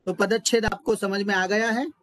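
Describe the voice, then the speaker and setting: A man teaching a Sanskrit grammar lesson, who breaks each word apart slowly and methodically. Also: high-pitched, steady tone, fairly bright tone, a little hiss or hum, low-quality recording. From India. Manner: slow, methodical, spells out words. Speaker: Sanskrit lecturer.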